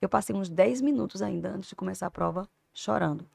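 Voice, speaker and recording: A woman in her fifties, a teacher and doctor, tells an emotional personal story as an interview guest, swinging between hushed and loud. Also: medium pitch, fairly quick, creaky, slightly rough, no room sound, studio quality. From Brazil. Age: 50s.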